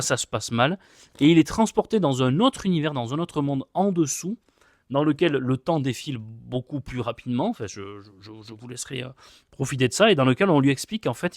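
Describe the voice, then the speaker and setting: A man's voice: mid-range voice, no room sound, studio quality. A man casually reviewing manga he has read, chatty and rambling, with many hesitations and repeated words, joking about his own English accent.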